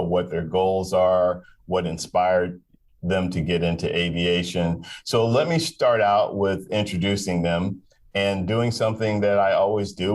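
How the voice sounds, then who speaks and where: A man with a deep, slightly mellow voice hosts a live aviation talk show. He introduces his guests in a friendly, joking way, stumbling over their names.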